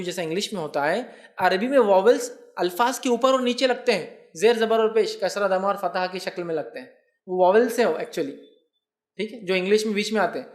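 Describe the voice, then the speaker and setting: Patient explanations come from a high-pitched male Islamic scholar as he takes viewer questions in a religious lecture. He regularly checks whether his listeners are following along.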